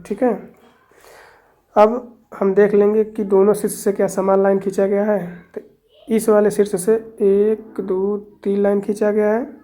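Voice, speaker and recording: Explaining a math lesson on a board, a woman speaks in a mid-range, warm voice. She goes step by step, counting out loud and pausing often to check understanding.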